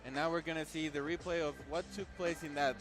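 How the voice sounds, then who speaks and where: A man's voice: on the high side, fairly even intonation, fast talker, over music. A man working as a fight commentator, giving analysis of mixed martial arts.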